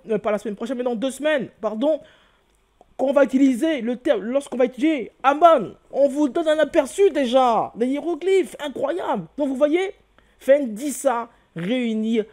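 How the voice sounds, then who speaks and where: A man's voice: extremely high pitch, a little mellow. A man hosting an online lesson, talking the viewer through step by step. He repeats key words and exclaims often. He keeps asking the listener questions and answering them himself. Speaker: channel host teaching hieroglyphs. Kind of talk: video lesson.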